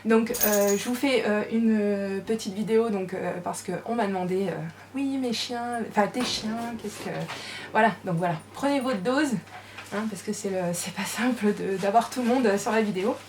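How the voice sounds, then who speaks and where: A woman's voice: mid-range voice, normal speed, a little mellow. A woman vlogging casually from her craft room at home, chatting to the viewers and coaxing her dogs to sit. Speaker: scrapbooking vlogger. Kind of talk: casual chat to camera. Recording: distant camera mic, noisy room. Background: dogs moving about.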